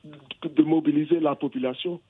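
A man's voice: fairly high pitch, fairly even intonation, moderate pace, a little hiss or hum. Man calling in over a tinny phone line. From England. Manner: hesitant, searching for words, with many restarts. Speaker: caller. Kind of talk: phone-in conversation. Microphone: telephone.

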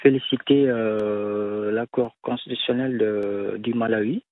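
Slow, halting man on an answering machine. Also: lowish voice, fairly even intonation, no room sound. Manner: halting, many hesitations. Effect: answering machine message over a phone line. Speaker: caller leaving a voicemail. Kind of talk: recorded voicemail. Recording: tinny dry phone line.

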